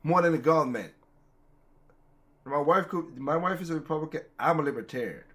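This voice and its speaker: A man's voice: on the high side, animated, brisk, fairly bright tone. A man hosting a casual political talk show, rambling with many restarts and growing heated. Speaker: podcast host.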